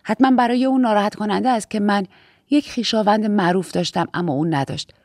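A woman narrating a first-person audiobook in a steady, even reading voice. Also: mid-range voice, dry recording, studio quality.

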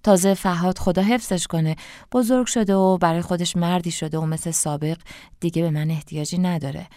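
A woman's voice: lowish voice, fairly even intonation, mellow, no room sound, studio quality, lightly acted. A woman voicing a timid widowed young mother who talks hesitantly and pleads her case. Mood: earnest.

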